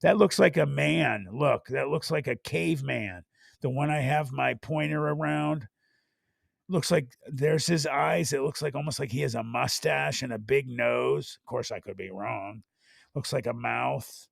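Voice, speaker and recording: A man hosting a live stream, chatting casually and rambling with restarts, his voice hoarse and worn from overuse. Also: medium pitch, measured pace, no room sound, studio quality. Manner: rambling, thinks aloud with restarts.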